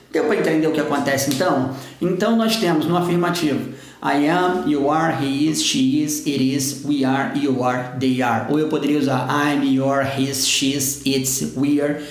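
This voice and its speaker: A Brazilian man teaching a grammar lesson with a voice set a bit higher than most men's. He talks in a chatty way and keeps checking in with his students as he explains. The sound is very echoey, as if the room had bare walls. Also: steady tone, measured pace. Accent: Brazilian Portuguese. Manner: chatty, often checks in with "tá?" and "gente". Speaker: English teacher.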